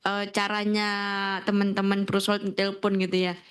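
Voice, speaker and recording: A woman's voice: mid-range voice, monotone, normal speed, clear, resonant tone. A woman hosting a casual interview, asking eager, friendly questions. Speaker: host.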